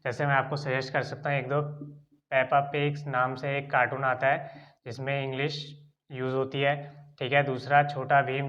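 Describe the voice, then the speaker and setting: A man with an Indian accent teaches an English lesson step by step, constantly using "ठीक है" as a filler to check in. His voice is on the high side and a bit bright, and the recording sounds muffled.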